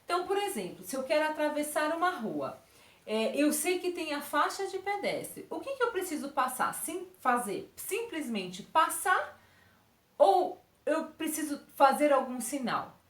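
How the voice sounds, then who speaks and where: A woman's voice: high-pitched, sing-song, a little slow, a bit bright, reverberant. A Brazilian woman teaching a recorded lesson to young children, using diminutives and checking in often with "ok?". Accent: Brazilian Portuguese. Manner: speaks to children with diminutives and frequent check-ins. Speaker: primary school teacher.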